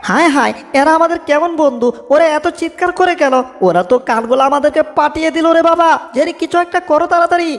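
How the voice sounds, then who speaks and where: A woman voicing a soft-hearted, bumbling male cartoon cat in a homemade dub, whiny and fretful. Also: high voice, fast, few pauses. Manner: whiny, fretful, cries out in alarm. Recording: long reverb, echoey room.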